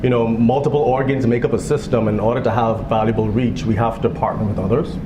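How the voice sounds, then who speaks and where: A man from the Bahamas in his thirties, a physician giving a fundraiser speech with a relaxed manner and joking asides. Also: medium pitch, fast talker, highs cut off. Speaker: guest speaker, physician. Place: event hall. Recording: echoey hall with background noise.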